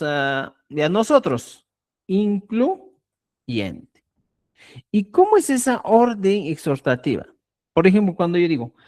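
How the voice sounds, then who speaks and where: Slow, lively-voiced language teacher. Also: mid-range voice. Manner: keeps checking understanding with "¿ya?"; explains with everyday examples. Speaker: Quechua teacher. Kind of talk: online language lesson.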